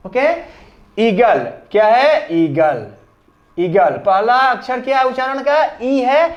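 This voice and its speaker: A man's voice: extremely high pitch, lively intonation, takes it slowly, muffled recording. A man teaching English grammar to a class, with a Hindi accent, drilling pupils with repeated questions and answers. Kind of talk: classroom lesson.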